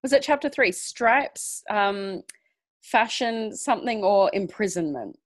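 A woman co-hosting a podcast, chatting casually about a TV competition, laughing often and swooping up in pitch. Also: animated, unhurried, no echo, clean studio sound. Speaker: podcast co-host. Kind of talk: casual chat reviewing a TV competition.

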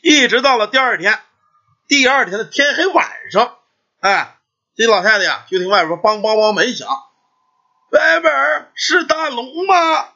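Brief: male folk storyteller, high animated husky voice, dull lo-fi recording. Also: moderate pace. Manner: lively, chatty storytelling with fillers and asides.

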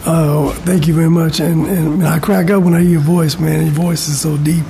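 A man's voice: fairly high pitch, flat delivery, normal speed, dark tone. A middle-aged man from California talking casually and informally as an interview guest. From California, United States. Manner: conversational, informal, often says "you know" and "man". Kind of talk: casual chat. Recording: faint background noise.

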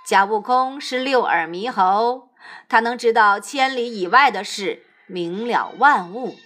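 A woman voicing a serene, merciful old male Buddha in a storybook tale, speaking slowly in a lowered voice. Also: fairly bright tone, soft background music. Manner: slow, lowered, measured.

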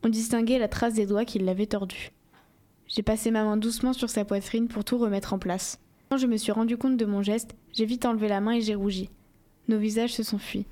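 A woman reading a first-person novel aloud in a steady, measured storytelling voice. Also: on the high side. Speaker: audiobook reader.

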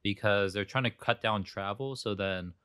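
Man, young adult, casual sports chat, relaxed, low pitch, crisp dry sound. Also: moderate pace, no room sound. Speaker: podcast co-host.

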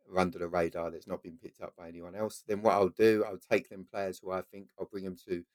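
A man's voice: low voice, darkish tone, no echo. A man with an Essex accent giving explanatory interview answers as a football scout and coach, emphatically repeating his key points.

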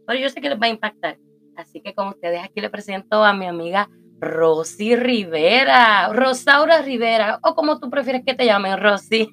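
A woman with a Puerto Rican accent hosting a podcast, chatting enthusiastically as she introduces and interviews a friend. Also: fairly high pitch. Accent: Puerto Rican Spanish. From Puerto Rico. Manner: enthusiastic, warm-hearted praising. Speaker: podcast host. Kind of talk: casual interview chat.

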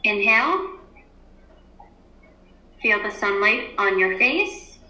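A woman teacher leading a calm guided grounding and breathing exercise, giving soothing, unhurried instructions with long pauses. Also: medium pitch. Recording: roomy, echoey indoor sound.

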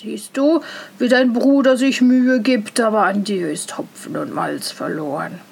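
A woman's voice: fairly high pitch, a little slow, vocal fry, a little mellow, husky, exaggerated voice. A woman voicing a worried, stern old peasant father in a fairy tale reading, weary and scolding. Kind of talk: storybook reading.

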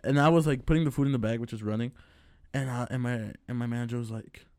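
A man's voice: medium pitch, fast talker, a little mellow. Laughing young man telling a work story. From Chicago. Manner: rambling, laughing, acts out quoted arguments. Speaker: guest. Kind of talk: casual storytelling chat.

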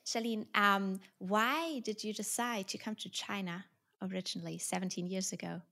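A woman's voice: medium pitch, moderate pace, pushed and bright. A woman hosting a podcast from home, with an upbeat, scripted way of introducing the show and her guest. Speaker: podcast host.

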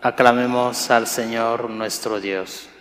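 A male priest speaking solemnly and deliberately as he leads Mass, with cathedral-like echo around his voice. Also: mid-range voice, steady tone, a bit bright. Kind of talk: liturgical Gospel reading and homily. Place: large reverberant church. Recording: echoing church acoustics with long reverb.

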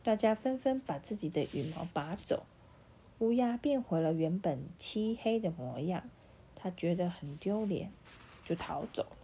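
A woman reading fables aloud at bedtime, gentle and animated. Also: lowish voice, moderate pace, slight background noise. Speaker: parent reading bedtime stories.

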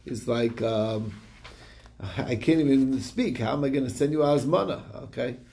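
A man's voice: mid-range voice, moderate pace, creaky, warm tone. A man casually retelling a Talmud story in quoted back-and-forth dialogue, with fillers and restarts. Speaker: Talmud study reviewer.

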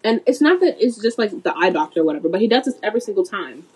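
Fast-talking teen girl ranting. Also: medium pitch, very animated, darkish tone, slight background noise. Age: teens. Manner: ranting, quick and blunt. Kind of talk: casual chat among friends.

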